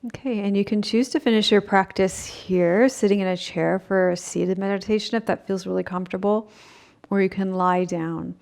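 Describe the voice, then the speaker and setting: A woman's voice: mid-range voice, fairly even intonation, creaky, a little mellow. A woman yoga teacher leading a breathing exercise in short, spaced phrases, with audible breaths and sighs. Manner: slow, pausing delivery in short phrases. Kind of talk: guided breathing and yoga instruction.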